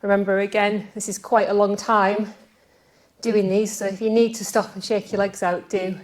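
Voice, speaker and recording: A fitness coach's mid-range voice comes through flat and at a moderate pace in a low-quality recording. Working out outdoors alongside her instructions, she chats through each bodyweight exercise while getting a little out of breath.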